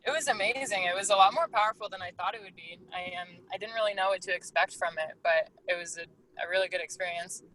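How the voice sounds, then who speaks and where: A woman's voice: on the low side, fairly even intonation, fast, pushed and bright, poor audio. A woman calling in from a car, chatting casually as a workshop participant. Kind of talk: casual chat.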